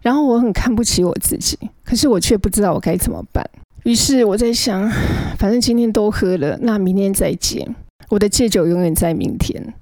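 A woman's voice: medium pitch, brisk, a little mellow, no room sound. A middle-aged woman, earnestly recounting her own past as a guest and often stammering as she restarts her sentences. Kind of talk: emotional personal storytelling.

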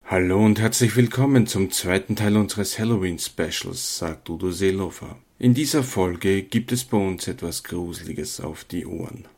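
A man hosting an interview podcast, speaking in a clear introductory manner. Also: deep voice, normal speed, few pauses, music in the background. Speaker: podcast host.

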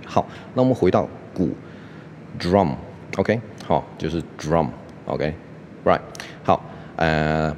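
A man with a very low voice teaches English pronunciation in a relaxed, chatty way. He sprinkles in "OK" and "right" and drags out example words slowly so listeners can imitate him. A faint low rumble sits under the recording. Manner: mixes English words into Mandarin, repeats words slowly to model them; frequent "OK" and "right" fillers. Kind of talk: casual spoken lesson.

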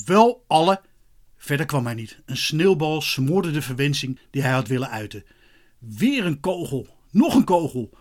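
A man narrating a children's story as an expressive, lively audiobook reading. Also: a little high.

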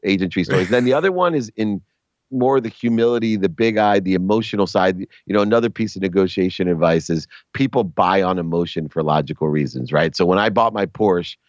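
Middle-aged man, sports agent guest, casual animated storytelling, lowish voice, dry dull recording. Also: brisk, dry recording. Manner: animated, jumps to high pitch for quoted voices.

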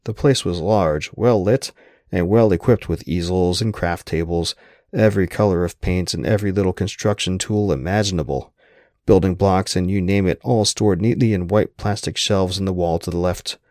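A man's voice: low voice, moderate pace, darkish tone, no room sound. A man reading a first-person story aloud with a dry, wry storytelling manner on a close microphone. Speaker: narrator. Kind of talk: first-person audiobook narration.

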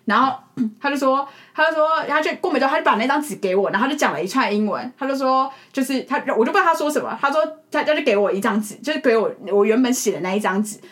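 A woman's voice: high voice, rapid-fire, hardly any pauses. A young woman, chatting on a podcast and telling a funny story with many restarts. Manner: animated, giggly, many restarts and fillers. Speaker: podcast co-host. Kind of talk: casual storytelling chat.

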